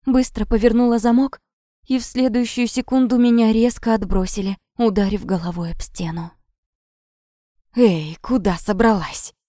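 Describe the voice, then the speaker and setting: A woman's voice: mid-range voice, mellow, no room sound, studio quality. A woman reading a dramatic first-person audiobook in a tense, vivid manner. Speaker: audiobook narrator.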